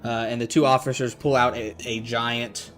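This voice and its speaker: A man, narrating a tabletop game as game master, relaxed and full of fillers. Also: mid-range voice, normal speed, faint music behind. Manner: relaxed, rambling, many fillers.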